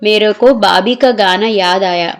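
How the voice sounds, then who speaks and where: A cheerful household maid, as a woman storyteller voices her, chats in a loose, sing-song manner. Her tone is easygoing and playful. Faint music plays softly under this storybook reading. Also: mid-range voice, measured pace, close to an everyday voice.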